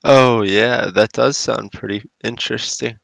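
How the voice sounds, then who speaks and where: Gravelly man hosting a podcast. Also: medium pitch, steady tone, unhurried, fairly bright tone, dry recording. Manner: laid-back, asks questions. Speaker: podcast host. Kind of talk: casual chat.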